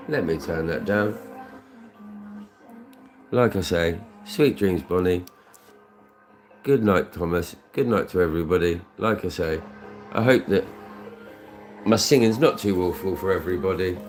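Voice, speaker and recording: On a scratch card live stream, a British man with a deep voice chats casually, calling out thanks to viewers by name and drifting through tangents.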